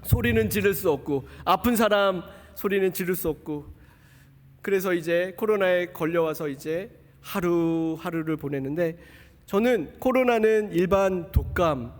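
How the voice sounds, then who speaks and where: A high-pitched young man preaches a personal testimony in a church. He tells it as a story and acts out the people he quotes. His voice rings through a sanctuary with a long hall reverb. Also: measured pace. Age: young adult. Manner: storytelling, acting out quoted dialogue. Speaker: missionary preacher. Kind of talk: sermon testimony.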